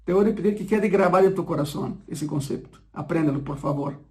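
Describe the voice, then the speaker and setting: A man preaching a sermon, emphatic and repeating key phrases slowly so the congregation absorbs them. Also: fairly high pitch, darkish tone.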